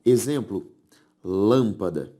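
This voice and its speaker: A man's voice: fairly low pitch, expressive, mellow. A man with a Brazilian Portuguese accent teaching grammar rules in a classroom lecture, who repeats key words and keeps checking that the class follows. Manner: explains slowly, repeats key words, checks understanding often.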